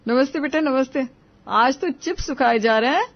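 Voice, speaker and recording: A woman voicing a kind, motherly neighbor in a cartoon story, gentle and reassuring. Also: sits high, moderate pace, dull audio. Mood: kindly. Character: kindly middle-aged female neighbor, motherly.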